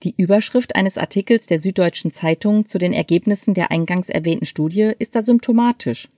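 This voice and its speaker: Mellow-voiced woman reading an essay. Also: lowish voice, no echo, studio quality. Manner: clear, measured reading. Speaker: article reader. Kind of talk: scripted narration of an essay.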